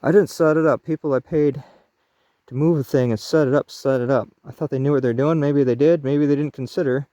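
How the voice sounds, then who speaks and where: A man's voice: mid-range voice, fairly even intonation, brisk, warm tone, dull audio. A man vlogging casually outdoors at night near a camper, rambling and correcting himself as he goes.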